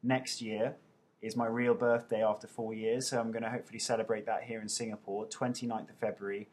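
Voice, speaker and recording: Speaking a little fast in a lowish, slightly mellow voice with flat delivery, a man in his thirties answers viewer questions over a webcam mic indoors at home. He's an actor, and his replies are laced with playful self-deprecation.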